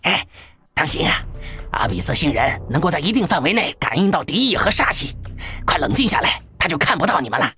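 A man voicing a skinny monkey-like alien who gives an urgent, hushed warning. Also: on the high side, sing-song, a little fast, faint music behind.

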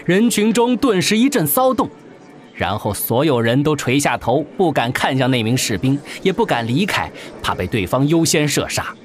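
A man narrating a science-fiction story in a theatrical, animated manner. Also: a little high, normal speed. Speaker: audiobook narrator. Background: faint background music.

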